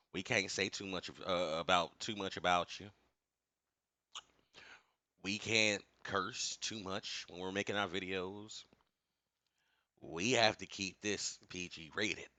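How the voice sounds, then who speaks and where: An American man delivering a booming, motivational, preacher-like commentary, emphatic and repeating phrases for effect. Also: fairly even intonation, slow pace, long pauses, dry recording. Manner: emphatic, repeats phrases for effect, swings from low asides to shouted outbursts. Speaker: online video commentator.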